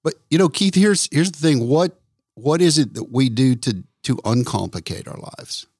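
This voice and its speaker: A man hosting a casual faith talk, repeating words for emphasis like a preacher and slowing down on key points. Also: medium pitch, animated, darkish tone, breathy edge, dry recording, clean studio sound. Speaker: podcast host.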